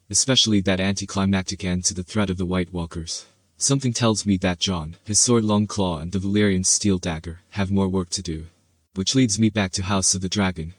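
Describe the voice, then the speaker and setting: A man hosting a video, reading scripted commentary in a measured, written style. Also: sits low, dry recording. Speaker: video host and fantasy author.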